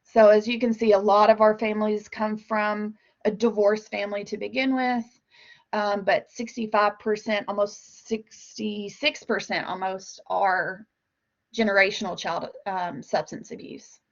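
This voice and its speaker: A woman gives an explanatory slide presentation, walking through figures point by point in a measured way. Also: medium pitch, little pitch movement. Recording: dull, lo-fi online meeting audio.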